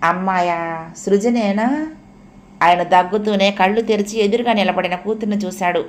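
Woman, audiobook narrator, steady measured storytelling, middle pitch. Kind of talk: scripted narration.

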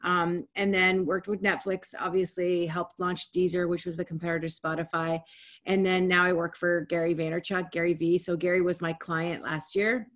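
A woman, giving an energetic, conversational webinar talk from home over a video call. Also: lowish voice. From United States. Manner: energetic and conversational, speaking in quick bursts with restarts. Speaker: guest speaker. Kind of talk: webinar presentation. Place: home room, indoors.

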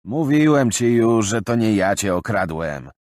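A man's voice: mid-range voice, big pitch swings, moderate pace, no echo, studio quality, voice pushed up. A male narrator voicing a travelling man who defends himself, sounding exasperated.

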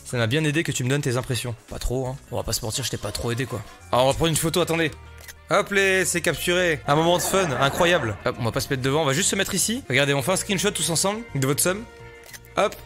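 A man giving casual, joking let's-play commentary as a gaming YouTuber, excitable and slangy, talking straight to his viewers. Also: fairly high pitch, fast, faint music behind.

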